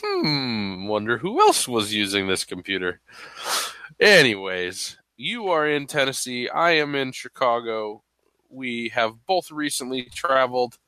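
A man's voice: mid-range voice, big pitch swings, measured pace, pushed and bright, clean tone, no room sound. A man with a stuffy voice hosting a podcast in a playful, casual, chatty way. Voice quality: stuffy, congested-sounding. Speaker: podcast host. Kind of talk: casual chat.

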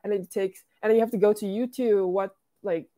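A woman's voice: mid-range voice, fairly even intonation, fast talker, mellow. A woman, a programmer and founder, talking casually as an interview guest, with lots of restarts and "like". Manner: chatty, frequent "like" and restarts.

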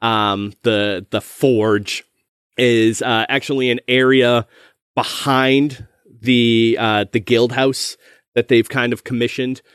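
A man runs a tabletop game as game master, describing scenes in a loose, rambling way. His voice sits at a middle pitch. The recording is dry and close. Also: fairly even intonation, slow pace, a bit bright, smooth, no room sound. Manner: rambling, casual, many fillers and restarts.

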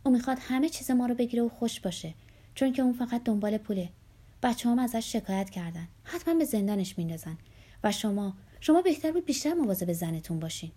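Lady doing a stern gray-haired old woman, angry and threatening, gravelly husky voice, audiobook. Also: medium pitch, dark tone. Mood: bitter, threatening.

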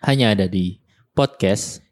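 A man's voice: lowish voice, a little slow, a little mellow. A man with a Jakarta Indonesian accent co-hosting a podcast in casual, slangy chat. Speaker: podcast co-host.

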